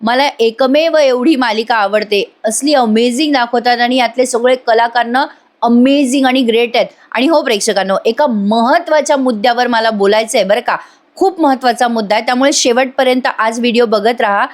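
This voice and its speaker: A woman's voice: fairly high pitch, brisk. A woman doing a chatty voice-over review of a TV serial, speaking directly to viewers.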